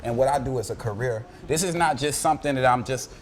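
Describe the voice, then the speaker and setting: A man's voice: medium pitch, fast, slight background noise. A young man, a music producer, chatting frankly and laid-back as an interview guest, dropping "you know what I'm saying" a lot. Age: young adult. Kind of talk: casual interview chat. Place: radio show studio.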